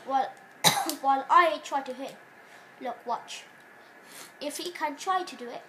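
A woman hosts a gaming channel while sick, rambling casually about the gameplay in a nasal, high-pitched voice at a measured pace and pausing to cough. The audio is poor, made on a phone pointed at a TV in a dark room, with slight background noise.

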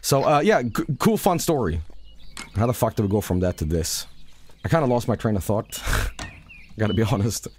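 A young man streaming a game, rambling profanely and breaking into sudden loud outbursts. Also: lowish voice, animated, moderate pace, long pauses, a little hiss or hum. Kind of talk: casual live-stream commentary.

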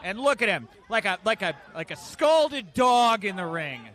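Excitable high-voiced wrestling commentator. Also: male voice, normal speed, a faint crowd. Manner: heel commentator, openly cheering the clown's side. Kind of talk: biased play-by-play commentary. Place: outdoor wrestling show at night.

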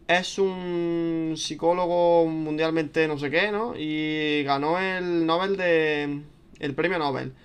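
A young man with a Spain Spanish accent, chatting casually and swearing as he plays a video game, turning panicky and loud when scared. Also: a little high. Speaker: gaming streamer. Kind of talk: casual let's-play commentary.

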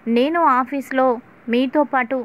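A woman's voice: sits high, steady tone, measured pace, fairly bright tone. A woman voicing a humble, earnest young wife. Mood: modest.

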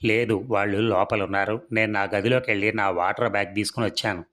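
A man's voice: lowish voice, fairly even intonation, fast talker, fairly bright tone, close to an everyday voice. A man reading the lines of an eager, helpful young man in a storybook serial, in a plain, matter-of-fact way.

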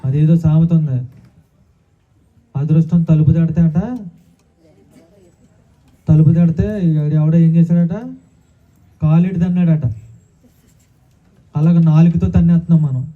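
A man's voice: a little high, steady tone, measured pace, long pauses. A man preaching a sermon as pastor, calling out hallelujah often and asking the congregation questions. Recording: tinny phone-like sound.

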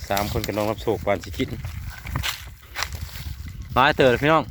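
Filming his family's day out in the countryside, a vlogger with an Isan Thai accent talks to his audience at a moderate pace in a mid-range voice. His tone is casual and homespun, frequently speaking straight to viewers, and the rural outdoor recording is noisy.

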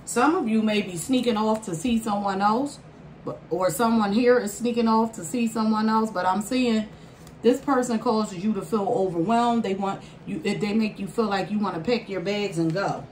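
A woman giving a casual tarot card reading to viewers, pausing mid-phrase and repeating phrases for emphasis. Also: medium pitch, darkish tone. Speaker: tarot reader. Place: indoor room at a table by a window. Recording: roomy, distant mic, faint background noise.

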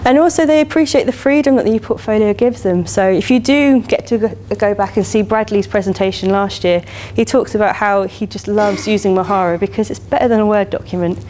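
A woman's voice: mid-range voice, brisk, few pauses, a little mellow, a little hiss or hum. A woman in her thirties with an English accent, giving a conference keynote in a chatty, enthusiastic way with many "you know" fillers. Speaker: keynote speaker. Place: lecture hall, standing by a lectern.

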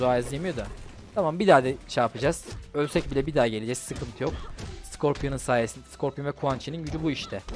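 A man's voice: mid-range voice, darkish tone. A man giving casual running commentary while playing a mobile fighting game, talking to himself, swearing and venting about the matchups. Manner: talks to himself and the game, swears, frustrated outbursts. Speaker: gaming YouTuber.

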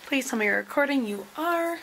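Chatty young woman with vocal fry. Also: high voice, animated, a little fast, a bit bright, a little hiss or hum, rough recording. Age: 20s. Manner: chatty, rambling with frequent ums. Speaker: vlogger. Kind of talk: casual vlog chat.

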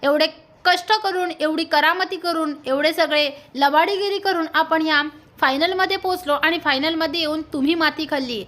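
An angry young man lays all the blame on his partner in a scolding rant, as a woman reads his lines. The voice stays high and light, plainly the reader's own. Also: moderate pace, fairly bright tone. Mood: accusing. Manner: accusing, scolding.

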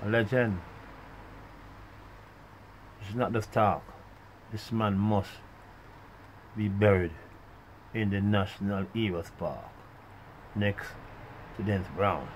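A man ranting in a profane monologue, rambling and swinging between loud outbursts and muttered asides. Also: lowish voice, fairly even intonation, slow pace, long pauses, a little hiss or hum, rough recording. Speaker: vlogger.

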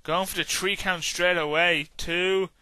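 Tired, rambling young wrestling commentator. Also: male voice, high voice, fairly even intonation, unhurried, bright, forceful tone, clear, resonant tone. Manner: casual, rambling, hums and sings to himself between calls. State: tired, yawning. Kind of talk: video game wrestling commentary.

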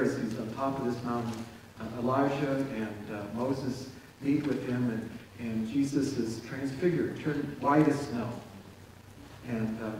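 A man preaching a sermon as pastor, folksy and halting, with a self-deprecating touch, recorded from afar in a church. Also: medium pitch, darkish tone, very echoey, distant mic, a little hiss or hum, poor audio. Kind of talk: sermon with a told joke. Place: church sanctuary.

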